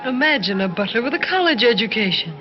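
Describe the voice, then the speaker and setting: A woman's voice: on the high side, big pitch swings, fast, dull audio. An actress playing a sardonic young society woman, needling in 1930s screwball comedy banter. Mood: arch, probing. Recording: band-limited 1930s film soundtrack with music.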